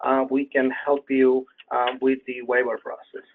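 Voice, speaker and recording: A man's voice: medium pitch, completely flat delivery, a little hiss or hum. Man presenting a webinar over a tinny phone line. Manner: measured, frequent ums and uhs. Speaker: federal program presenter.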